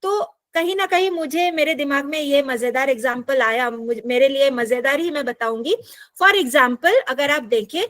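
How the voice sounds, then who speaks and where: A woman's voice: sits high, normal speed, fairly bright tone, no echo. A woman teaching an online English class, patiently explaining step by step and checking in with her students. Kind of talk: explaining a lesson, mixing Hindi and English. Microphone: computer mic in an online class.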